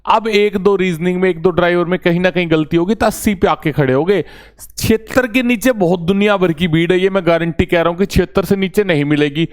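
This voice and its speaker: A man's voice: high-pitched, fairly quick. A man teaching as an exam coach, talking casually and reassuringly to students and calling them brother, with a touch. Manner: familiar, reassuring, often says brother.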